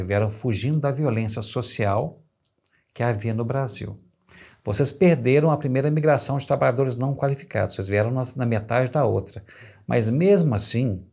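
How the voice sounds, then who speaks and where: A man with a gravelly, husky voice hosts an interview. As a lawyer, he explains things in a reflective, measured way at a medium pitch. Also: darkish tone. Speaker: host, lawyer. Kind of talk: interview conversation.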